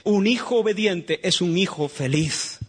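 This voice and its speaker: A man from Spain with a Spanish accent, preaching a sermon in a church, swinging between loud emphatic lines and hushed tones. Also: sits high, expressive, a little slow, breathy edge.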